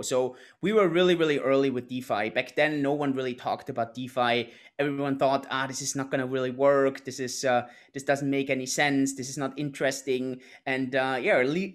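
Austrian guy in his 30s on a video call, chatty, lots of ums and restarts. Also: mid-range voice. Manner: conversational, frequent fillers and restarts. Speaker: guest, entrepreneur. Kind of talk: interview answers.

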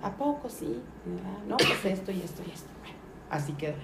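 In a mid-range voice that runs a little fast, a middle-aged woman with a Mexican accent tells a story as a podcast guest. She keeps it casual and lively by acting out the people's voices, and the recording sounds roomy with faint noise.

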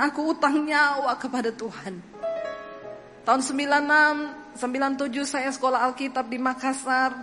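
High-voiced Sulawesi woman preaching. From Sulawesi, Indonesia. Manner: animated, acts out dialogue, laughs at her own stories. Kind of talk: sermon with humorous personal storytelling. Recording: echoey hall with faint music.

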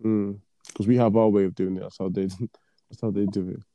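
A man's voice: lowish voice, level tone, a little fast, mellow, no echo. A young man co-hosting a podcast, chatting casually, laughing often and hesitating in slangy asides. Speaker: podcast co-host. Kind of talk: casual chat.

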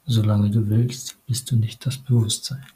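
Man, meditative spiritual monologue, very flat delivery, halting short phrases, speaks to the listener directly, lowish voice. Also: a little hiss or hum, poor audio. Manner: slow and halting, speaking in short pauses with frequent hesitations.

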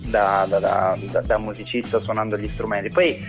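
A man's voice: lowish voice, level tone, normal speed, faint music behind. A man in his twenties, a guest rapper, talking casually on a phone call that is heard over speakerphone, with easygoing, agreeable replies. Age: 20s. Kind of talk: casual chat. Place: remote spot with weak signal.

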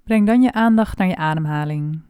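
Woman, meditation guide, slow soft delivery, smooth voice, dry close sound. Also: lowish voice, no room sound. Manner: slow, soft and calm with long pauses. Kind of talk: guided body scan meditation.

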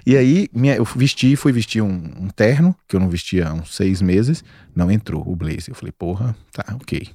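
Man, 40s, Brazilian Portuguese accent, animated, slangy, emphatic, dry close sound. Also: on the low side, normal speed, no room sound. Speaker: doctor guest. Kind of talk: casual podcast chat.

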